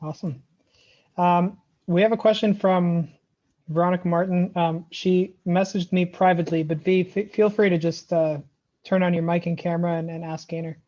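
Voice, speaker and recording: Woman host reading out questions, dark mellow voice, kinda muffled lo-fi audio. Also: fairly low pitch, fairly even intonation, normal speed. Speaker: webinar moderator. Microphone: video call. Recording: dull lo-fi call audio.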